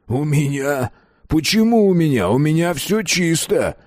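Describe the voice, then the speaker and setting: A man's voice: fairly high pitch, sing-song, unhurried, a little mellow, dry recording, studio quality, voice pushed up. A man reading the part of a cynical older official, a grandfather who rants irritably about everyone around him. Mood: defensive. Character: bitter older male official, grey-haired grandfather.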